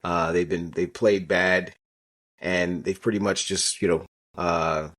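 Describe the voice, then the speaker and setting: A man's voice: sits low, takes it slowly. A man hosting a casual sports betting podcast, rambling with lots of fillers and restarts. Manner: rambling, filler-heavy, animated when riffing. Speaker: podcast host.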